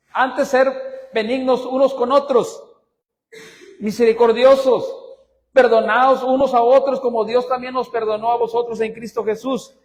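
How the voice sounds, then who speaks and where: A male pastor delivers a sermon in a high, lively voice, pitch leaping up on his questions to the congregation. His words ring out with a long church reverb around them. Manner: preaching with rising emphasis and frequent asides to the congregation; lively pitch swings, teasing humor. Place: church sanctuary.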